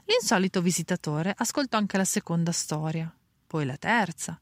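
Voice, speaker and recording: Woman slowly reading a children's story. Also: lowish voice, animated, no room sound. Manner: slow, clear reading with voices for characters. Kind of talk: storybook read-aloud.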